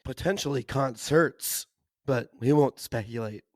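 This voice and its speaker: A hoarse man with laryngitis, co-hosting a podcast in casual, enthusiastic chat full of "like" and "kinda". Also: mid-range voice, measured pace, darkish tone, dry recording, studio quality. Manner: enthusiastic, uses lots of "like" and "kinda". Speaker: podcast co-host.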